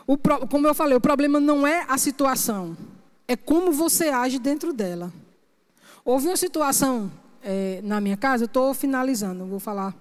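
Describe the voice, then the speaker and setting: A woman minister preaches with emphasis and checks in with her congregation again and again. Her voice sits high. It trails off into the long reverb of a church sanctuary. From Brazil. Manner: emphatic preaching, punctuated with frequent "Amém?". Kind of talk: sermon.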